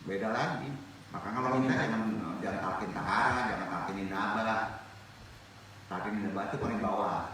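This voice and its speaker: A man from Indonesia leads a religious study circle in a lively spoken sermon, posing questions to his listeners and then answering them himself. His voice is lowish and fairly bright, a little fast, with a little hiss or hum. The room is echoey and he sounds distant.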